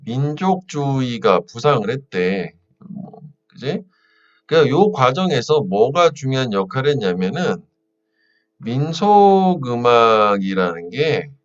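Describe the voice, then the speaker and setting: A man's voice: medium pitch, distant mic, lo-fi sound. A man teaching a lesson on an English reading passage in a casual, chatty way, asking his students if they follow. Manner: casual spoken style, fillers, asks students checking questions.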